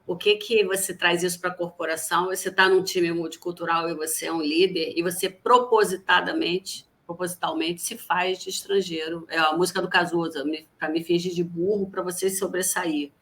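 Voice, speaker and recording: Woman co-host, low voice, reflective, fond of metaphors. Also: steady tone, moderate pace, hardly any pauses, a bit bright. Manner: reflective, quotes songs and metaphors. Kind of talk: live talk, reflective comments.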